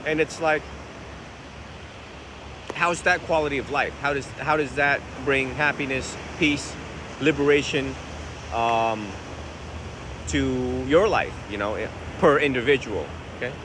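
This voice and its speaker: A man from Vietnam, a Buddhist monk, answering viewers' questions in a relaxed, conversational way outdoors by the ocean, recorded on a phone. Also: mid-range voice, unhurried, long pauses. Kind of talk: casual outdoor Q&A talk. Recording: phone recording with wind and surf noise. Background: ocean waves and wind.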